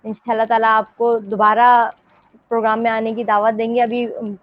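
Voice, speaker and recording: A woman's voice: on the high side, little pitch movement, no room sound. A woman hosting a live radio show who praises her guests and thanks them politely. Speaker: host. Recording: muffled radio broadcast audio.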